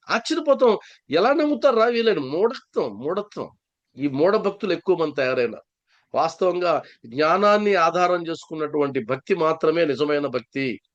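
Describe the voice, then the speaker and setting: A man's voice: high voice, muffled recording. A man from Andhra Pradesh, a spiritual speaker and psychologist, telling a story in a satsang talk and repeating key phrases for stress.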